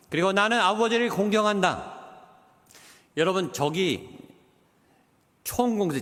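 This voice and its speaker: Man preaching in a reverberant hall. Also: high voice. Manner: preaching with emphatic rises and quiet, slowed drops. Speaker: pastor. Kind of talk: sermon.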